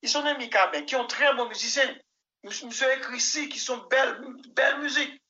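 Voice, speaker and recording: A man with a Haitian accent, speaking in a high, very bright and piercing voice. He answers interview questions emphatically, doubling words and acting out what others said. The broadcast audio sounds somewhat dull and lo-fi. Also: a little fast. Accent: Haitian Creole. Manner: emphatic, repeats words, tells anecdotes with quoted dialogue. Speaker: musician guest.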